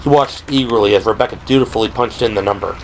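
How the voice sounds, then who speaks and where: A man with a lowish voice reads dramatic scripted narration for a horror audio drama at a fast clip. The recording has a clearly noisy background filled with ambient sound effects.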